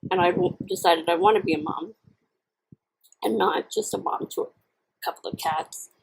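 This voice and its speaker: A woman chatting candidly and casually to camera in a halting, reflective way, chewing while she talks. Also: fairly low pitch, vocal fry, slightly rough, poor audio. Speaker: vlogger. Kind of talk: casual personal chat to camera while eating.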